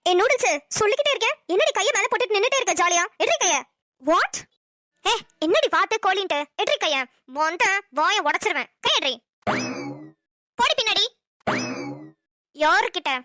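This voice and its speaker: A woman's voice: extremely high pitch, expressive, normal speed, long pauses, pushed and bright, no room sound, exaggerated voice. A woman voicing a hot-tempered young wife in a cartoon, a medical student who scolds and threatens sharply. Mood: angry. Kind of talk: cartoon voice acting.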